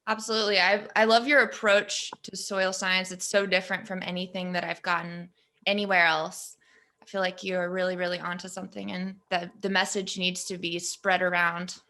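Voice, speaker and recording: A woman's voice: lowish voice, level tone, moderate pace, sharp tone. A woman hosting a podcast, speaking with earnest enthusiasm in her intro and questions. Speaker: podcast host.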